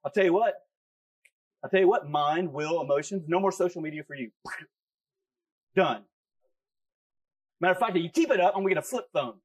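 A man's voice: high-pitched, lively intonation, fairly quick, long pauses. A man preaching a sermon as pastor, emphatic and repeating key phrases for effect. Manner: emphatic, repeats key phrases, talks back to his own flesh.

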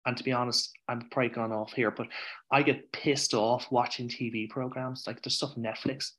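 A candid Irish man telling his story in a frank, conversational way. His voice sits at an everyday middle pitch. He swears freely and drifts onto tangents. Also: level tone, brisk, a bit bright. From Ireland. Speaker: podcast guest.

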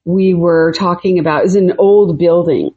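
A woman's voice: lowish voice, fairly even intonation, moderate pace, mellow, breathy edge. A middle-aged woman co-hosting a podcast, chatting casually and retelling a friend's spooky story with easy laughs. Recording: muffled lo-fi podcast audio.

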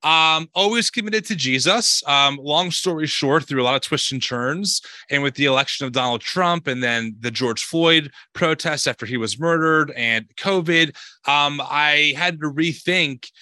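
An American man from New Jersey, a podcast guest telling his story in a relaxed, thoughtful way. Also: fairly high pitch, a little slow, no echo. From New Jersey, USA. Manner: relaxed, thoughtful, uses fillers. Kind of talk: casual interview talk.

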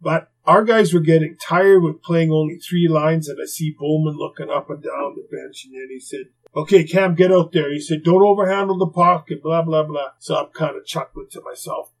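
An older man, a retired hockey player, tells stories in an interview in a lively, conversational way, with frequent asides and acted-out quotes. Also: a little high, normal speed, few pauses, slightly rough, poor audio. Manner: lively, conversational, heavy on "you know" asides, acts out quotes. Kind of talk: anecdotal interview storytelling.

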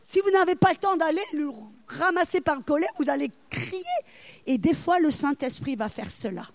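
A woman preaching a sermon, telling stories and acting out the voices of the people in them, now and then crying out loudly. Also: sits high, normal speed, creaky, no room sound. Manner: animated, acts out voices, cries out loud. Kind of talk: sermon with storytelling.

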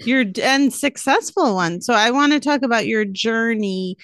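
Woman host, relaxed interviewer, fumbles into questions, dry recording. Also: fairly high pitch, normal speed, no echo. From West Coast, USA. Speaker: podcast host. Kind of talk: casual interview chat.

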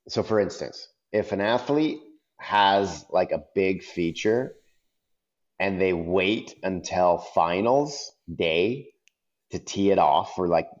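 Deep-voiced man, rambling and casual. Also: a little mellow, muffled recording. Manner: rambling, heavy use of "like" and "you know". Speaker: event judge, podcast guest. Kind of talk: casual podcast interview.

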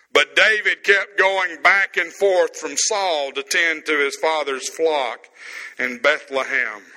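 Slow, bright-voiced preaching man. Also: a little high, big-room sound, low-quality recording. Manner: preaching with slow emphatic stresses and pauses. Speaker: pastor. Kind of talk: sermon. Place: empty room.

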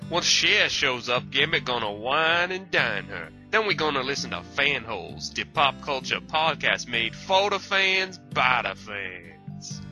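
A man voicing a smooth-talking rogue who speaks of himself in the third person, in a comedy skit. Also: medium pitch, big pitch swings, unhurried, few pauses, bright, forceful tone, soft background music, full character voice. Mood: smug.

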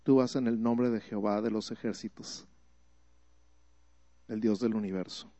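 A man's voice: fairly low pitch, steady tone, normal speed, mellow, no echo. A man preaching a sermon in a teaching manner, asking the listeners questions and building up emphatic repeated phrases. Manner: rises to emphatic repetition.

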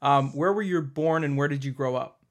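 A man's voice: medium pitch, normal speed. A man hosting an interview show who asks questions in an upbeat way and laughs easily. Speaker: podcast host.

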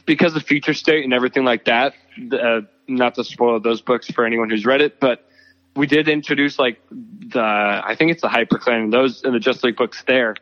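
A man on a video call whose audio breaks up, giving measured opinions in a casual chat. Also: medium pitch, lo-fi sound. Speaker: podcast co-host. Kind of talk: casual chat about comics.

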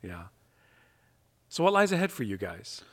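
A man interviewing a guest in a casual chat, affirming and warm, growing lively when he recalls events. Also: medium pitch, normal speed. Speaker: interviewer, pastor.

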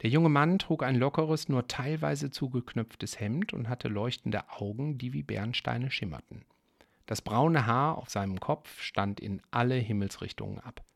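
A man reads a story aloud at a calm, measured pace and breaks off now and then for casual asides to his listeners. His voice is gravelly, with a rough texture low in his speech. The recording is close and dry. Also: no room sound. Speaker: story reader.

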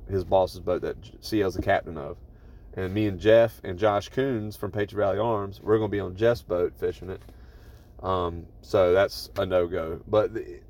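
Male podcast host, lowish pitch, informal and sweary, off-the-cuff solo monologue recorded on a phone. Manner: profane, informal, emphatic. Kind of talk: casual solo podcast monologue, rambling anecdotes. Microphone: phone voice recorder app.

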